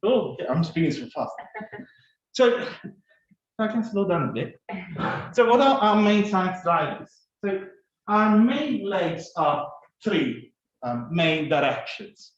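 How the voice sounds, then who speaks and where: A man giving a fast, halting scientific conference talk, full of fillers and restarts. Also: high-pitched. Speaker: conference speaker. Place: conference room or lecture hall. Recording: echoey, dull conference recording.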